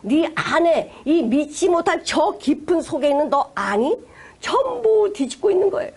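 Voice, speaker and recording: A woman pastor preaching a sermon, retelling scripture in lively, dramatized storytelling and acting out the voices of those she quotes. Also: high voice, moderate pace. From South Korea.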